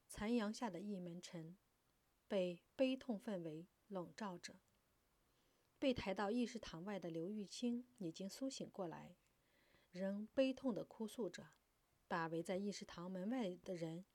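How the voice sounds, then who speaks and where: A woman narrating a historical story in an expressive, dramatic reading. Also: medium pitch, a little slow, dry recording.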